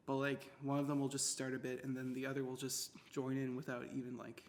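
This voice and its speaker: A man's voice: medium pitch, completely flat delivery, brisk, a little hiss or hum. A young man co-hosting a casual podcast with a playful, jokey manner, picked up by a shared mic in a room. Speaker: podcast co-host. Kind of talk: casual joking podcast chat. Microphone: one shared mic on a table.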